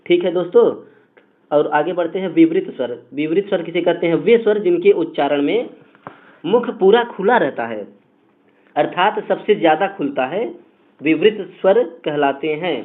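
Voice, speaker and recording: A man's voice: a little high, normal speed. A man teaching a Hindi grammar lesson for exam preparation, explaining step by step and repeating key points to his viewers. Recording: tinny phone-like audio.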